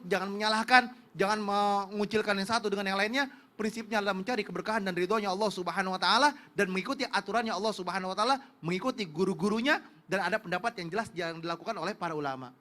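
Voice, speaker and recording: A male preacher lays out religious rulings on a television talk show, earnest and full of small fillers. His voice sits very high and bright, and he moves along at a brisk clip.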